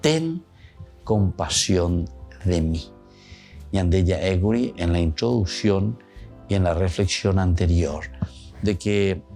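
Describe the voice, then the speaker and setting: A man with a Paraguayan Spanish accent delivers a reflective homily in a deep, low voice. He keeps slipping between Spanish and Guaraní and circles back to repeat his points. Faint music plays behind him. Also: dark tone. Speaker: priest.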